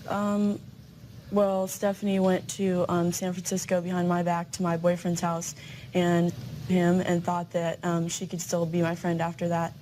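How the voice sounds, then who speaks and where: A woman's voice: on the low side, completely flat delivery, a little slow, warm tone, a little hiss or hum, rough recording. A young woman testifying informally as a defendant in a TV courtroom, hesitant and rambling.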